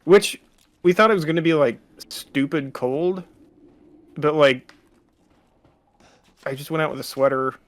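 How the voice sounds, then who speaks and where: A man's voice: on the high side, unhurried, pauses often, dry recording. A man in his thirties from California chatting casually during a game, explaining things at length with plenty of fillers. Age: 30s. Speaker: let's play co-host. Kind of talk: casual gameplay chat.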